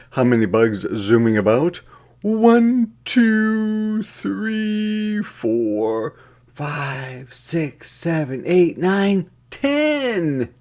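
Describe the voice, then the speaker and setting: A man reads a children's counting book aloud for young listeners, deliberate and interactive, counting in a sing-song way with repetition. His voice is a little high with a darkish tone.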